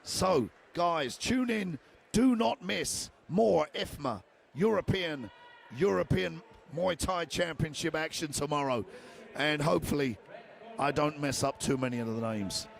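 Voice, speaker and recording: A man giving excited live fight commentary, often shouting, and losing his voice. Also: a little high, a little slow, creaky, slight background noise.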